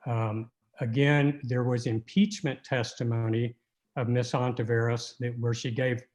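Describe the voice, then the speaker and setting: A man giving an oral argument in court as an appellate lawyer, halting and argumentative, often repeating words. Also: medium pitch, flat delivery, a little mellow.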